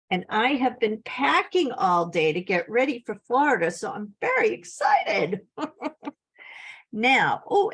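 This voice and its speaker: A woman's voice: on the high side, a bit bright. A woman giving a casual, chatty scrapbooking tutorial, upbeat and full of little laughs. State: slight cough. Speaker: scrapbooking instructor.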